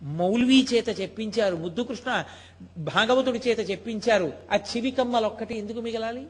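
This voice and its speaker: High-voiced man giving a devotional discourse. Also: fairly quick. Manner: emphatic storytelling, rhetorical questions. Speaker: spiritual discourse speaker. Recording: long hall reverb.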